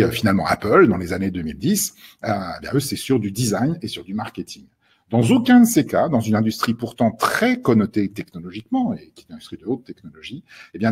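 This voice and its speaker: A man's voice: lowish voice, darkish tone, breathy edge. A man, a strategy professor, explaining business ideas in a webinar with many hesitations and restarts. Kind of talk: webinar lecture.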